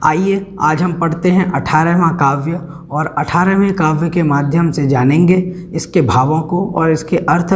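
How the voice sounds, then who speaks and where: A man teaching a recorded scripture lesson, explaining the text slowly and repeating words to show how they are pronounced. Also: on the high side, slight background noise. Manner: slow, careful, repeats words for pronunciation. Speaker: religious teacher.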